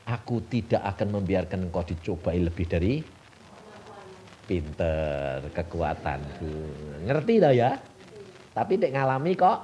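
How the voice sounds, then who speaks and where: With a medium-pitched, slightly mellow voice, a man with a Javanese Indonesian accent gives a folksy sermon. He keeps asking the congregation questions and supplying the answers on his own, over slight background noise.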